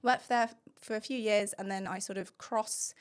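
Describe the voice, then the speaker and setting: A woman's voice: mid-range voice, steady tone, moderate pace, smooth. Talkative woman guest in her thirties. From England. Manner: talkative, laughs often, long-winded. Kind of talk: casual chat.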